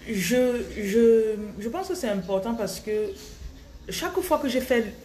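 A woman in her thirties from Cameroon with a Cameroonian French accent, giving a slow, thoughtful spiritual talk to her followers into a phone in a small tiled room. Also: on the high side, animated, mellow, a little hiss or hum. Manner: slow and thoughtful, with frequent restarts. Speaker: spiritual coach. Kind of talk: reflective spiritual monologue to followers. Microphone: phone held close at arm's length.

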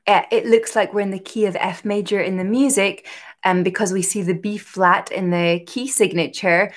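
Gentle woman teaching harp live. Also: mid-range voice. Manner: gentle, encouraging, reads out viewer comments. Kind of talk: live-streamed music lesson.

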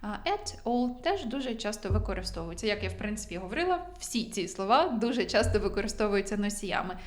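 A young adult woman, a native Ukrainian speaker, teaching English vocabulary in a chatty, self-deprecating way and reading her English examples slowly. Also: mid-range voice, very animated. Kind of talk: vocabulary lesson.

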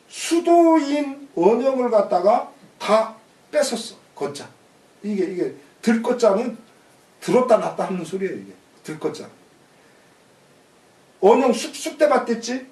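A man with a high, lively voice teaches a classical text phrase by phrase, recasting each line in plain talk. He is recorded from a distance in an echoey room. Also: unhurried, pauses often. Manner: glosses each phrase, then restates it in plain everyday speech. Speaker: teacher of classical Chinese texts. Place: room in a rural community shelter. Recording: echoey room, mic far off.

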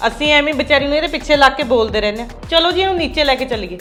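A woman playing a sharp-tongued landlady in a family drama, brisk and scolding. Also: high-pitched, over music, natural voice.

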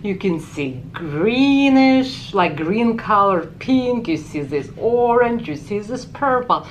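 A beauty vlogger in her forties from Ukraine, with a heavy Ukrainian accent, swatches products at a department store makeup counter while reviewing them enthusiastically and exclaiming often. Her medium-pitched voice is expressive and slow. Recorded close up on camera, the audio is poor with slight background noise.

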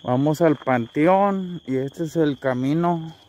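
A man's voice: fairly high pitch, slow pace, darkish tone. Mexican man vlogging outdoors, noisy night air. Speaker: vlog host. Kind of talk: casual night exploration vlog. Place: outdoors at night in the countryside and a cemetery. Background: crickets and night ambience.

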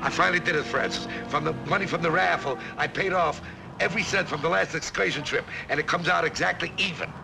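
An actor playing a good-natured, bumbling police officer, eager and excitable. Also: male voice, fairly high pitch, fast, vocal fry, music in the background. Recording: hissy old TV soundtrack.

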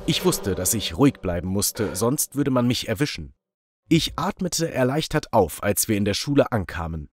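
A man reading a first-person story as scripted narration with an animated, expressive delivery. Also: lowish voice, moderate pace, soft background music.

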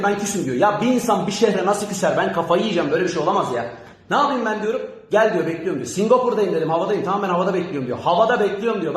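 Comic male ranter, high and quick, in a very echoey room. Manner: exasperated rant. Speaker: comedian doing character monologues. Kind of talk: comic sketch monologue.

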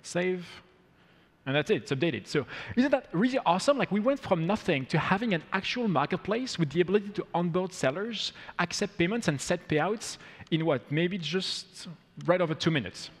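A man in his thirties talks an audience through a live coding demo, upbeat and step by step. His voice sits a little high. The sound carries the long reverb of a big conference hall. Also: slightly rough. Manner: upbeat, walks through steps as he goes. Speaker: product demo presenter. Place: large conference hall, on stage.

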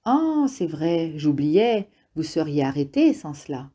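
Woman narrator doing a patient, ironic man, low and mellow, for an audiobook. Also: big pitch swings, measured pace, exaggerated voice. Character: calm, ironic grown man, patient and probing.

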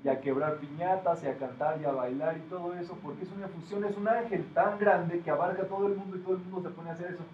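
A man teaches a classroom group, explaining ideas and putting questions to his listeners. His voice sits a little high for a man. The recording is taken from a distance in an echoey room, sounding dull with a faint hiss. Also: fairly even intonation, quick pace, few pauses. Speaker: metaphysics teacher. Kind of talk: classroom talk to students.

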